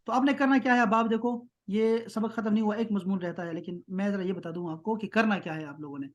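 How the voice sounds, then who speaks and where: A man teaching an online grammar class. He keeps checking that students follow and slows right down to spell out terms. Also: high voice, muffled recording. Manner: patient, keeps checking with "ٹھیک ہے؟".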